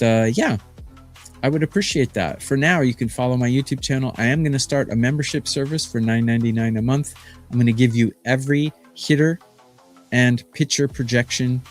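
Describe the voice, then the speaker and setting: A sports betting handicapper from Phoenix, Arizona, a man in his fifties, talks on a live stream in a boastful, rambling way full of fillers. His mid-range voice moves at a moderate pace over soft background music.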